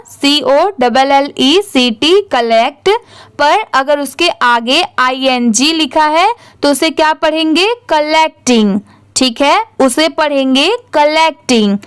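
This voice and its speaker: A woman's voice: high voice, fairly bright tone, no room sound. A woman teaching English reading as a lesson in Hindi, spelling out each word letter by letter, then asking how it is read and answering herself.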